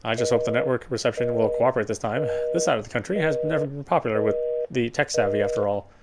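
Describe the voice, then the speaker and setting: Reading a visual novel's first-person story aloud as he plays, this man speaks at a quick pace in a medium pitch. He's careful but sometimes trips over words and fixes them, and there's a lot of noise behind him.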